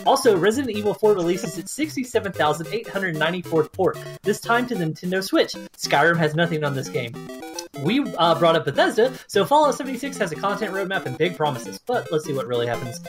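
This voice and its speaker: A man co-hosting a podcast, reading a gaming news rundown in a deadpan voice full of sarcastic asides. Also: fairly high pitch, brisk, music in the background.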